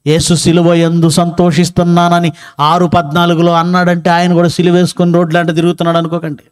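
A male pastor delivers an emphatic sermon, his voice sitting a little higher than most men's. He fires off rhetorical questions, then slows right down to read scripture line by line. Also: monotone, clean tone.

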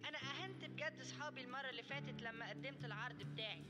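A woman's voice: sits high, racing, natural voice. A woman voicing an eager, boastful yet sensitive boy comedian in an Egyptian Arabic cartoon dub, speaking earnestly. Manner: excitable, earnest. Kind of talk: animated cartoon dub acting. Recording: music behind the voice.

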